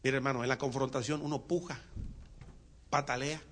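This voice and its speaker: A man's voice: medium pitch, normal speed. A male preacher telling a sermon story and having the congregation repeat after him. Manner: animated, call-and-response with congregation.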